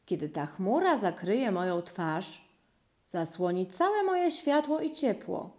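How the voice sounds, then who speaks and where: A woman's voice: mid-range voice, sing-song, slow pace, darkish tone, muffled recording. A woman voicing a modest, humble talking sun in a storybook, surprised and self-deprecating.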